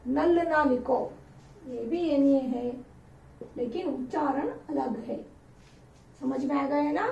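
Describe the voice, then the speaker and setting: A woman's voice: high voice, creaky, mellow, a little hiss or hum. A woman teacher giving a patient alphabet lesson, repeating each letter with example words as she dictates. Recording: roomy, distant, dull lo-fi sound.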